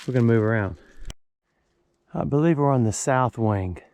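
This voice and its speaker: A man's voice: mid-range voice, expressive, moderate pace, a little mellow, dry recording. A man giving casual, wryly joking commentary outdoors as he vlogs about metal detecting. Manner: folksy, wry joking. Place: outdoors in a rural yard.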